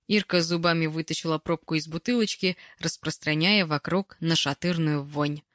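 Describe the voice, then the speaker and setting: A woman narrating an audiobook in a measured, wry storytelling manner, recorded close on the mic. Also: sits low, dry recording.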